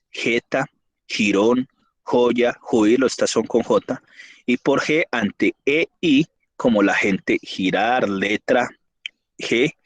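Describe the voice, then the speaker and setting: A man teaching an online class, reading spelling rules and slowly spelling out example words. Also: medium pitch, husky, no room sound.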